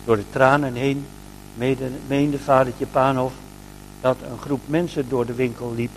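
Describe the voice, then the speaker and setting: A man reading a story aloud in a calm, measured way. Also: mid-range voice, a little hiss or hum, rough recording.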